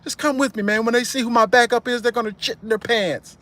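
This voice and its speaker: A man's voice: very high-pitched, steady tone, sharp tone, voice pushed up. A man voicing a goofy, boastful teenage boy who runs drugs, talking eagerly in a raised voice while retelling a film scene. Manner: eager, bragging, quick to reassure.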